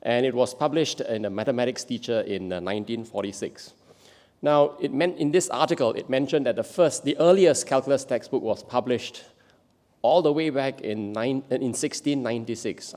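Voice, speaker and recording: Male academic from Singapore, mid-pitched, measured delivery, hall reverb. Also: darkish tone. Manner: measured, self-correcting. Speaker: lecturer. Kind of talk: lightning talk.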